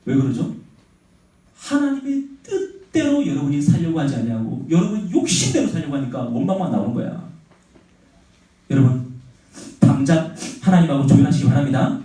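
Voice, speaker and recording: A man's voice: on the high side, moderate pace. A male youth pastor preaching to teenagers. He acts out conversations with God and keeps asking his listeners questions. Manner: animated, acts out dialogues with God, asks the audience questions. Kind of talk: sermon to high school students. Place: church sanctuary. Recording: echoey church hall from far off.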